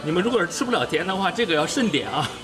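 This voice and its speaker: Very fast and very animated, a young man with a high-pitched voice hosts a food vlog in a themed cafe and shop, and the audio is very noisy. He chats casually on a handheld camera mic while tasting, staying upbeat and exclaiming at every plate.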